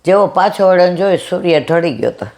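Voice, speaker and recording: Satsang speaker, mid-pitched, telling folk parables with lively character voices and slow moral lines. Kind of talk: devotional storytelling talk.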